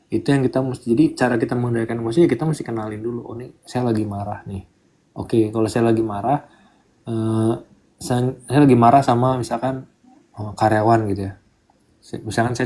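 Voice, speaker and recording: Husky man giving easy, casual advice. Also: mid-range voice. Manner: relaxed, plain, acts out his inner talk. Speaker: guest speaker. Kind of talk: casual Q&A on a live stream.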